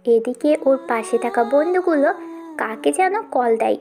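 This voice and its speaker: A woman narrating a dramatized audio story in a steady storytelling way. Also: high-pitched, measured pace, soft background music.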